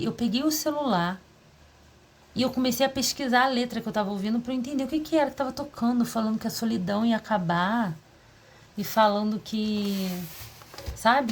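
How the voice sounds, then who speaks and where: A woman talking casually in a diary vlog, confessional and rambling, with quick asides to herself. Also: on the high side, a little hiss or hum. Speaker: vlogger.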